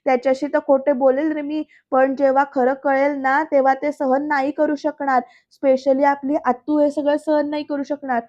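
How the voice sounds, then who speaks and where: A woman's voice: high voice, flat delivery, moderate pace, few pauses, a little mellow, dull audio, natural voice. Woman doing a young woman scolding hotly. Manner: scolding, heated. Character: angry worried young woman scolding her brother.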